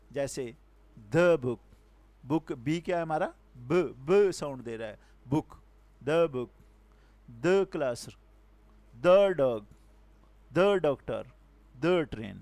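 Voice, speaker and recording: A man's voice: on the high side, no room sound. A man teaching an English pronunciation lesson, explaining with repeated examples and questions to the viewer.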